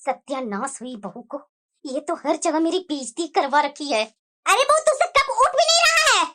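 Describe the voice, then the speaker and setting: Brief: a woman doing a very high, nagging cartoon mother-in-law, quick to anger. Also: expressive, pushed and bright, heavily acted. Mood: scolding. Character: bossy scolding middle-aged mother-in-law. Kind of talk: cartoon voice acting.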